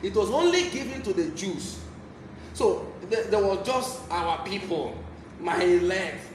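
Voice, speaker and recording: Very high-pitched Nigerian male preacher, echoey. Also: animated, measured pace. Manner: emphatic, repeats key phrases. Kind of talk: Bible teaching sermon. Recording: echoey room, clear background noise.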